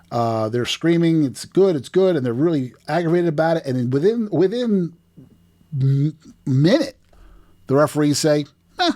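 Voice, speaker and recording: A middle-aged man from New Jersey hosting a sports video, walking through game footage play by play with emphatic, repeated phrases. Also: on the high side. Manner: animated play-by-play, emphatic restarts. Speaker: host breaking down game footage.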